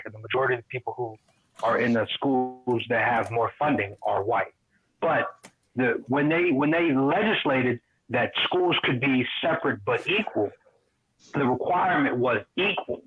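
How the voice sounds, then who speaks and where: A man on an online call with a choppy, breaking-up connection, pressing to get his point across in a casual debate. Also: mid-range voice. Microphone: online call audio. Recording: tinny, husky phone-like call audio.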